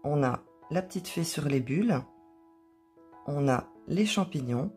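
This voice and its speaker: Calm French-speaking woman explaining crafts. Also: low-pitched, measured pace, faint music behind. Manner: calm, step-by-step explaining with some hesitations. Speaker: craft tutorial host. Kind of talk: art journal tutorial narration.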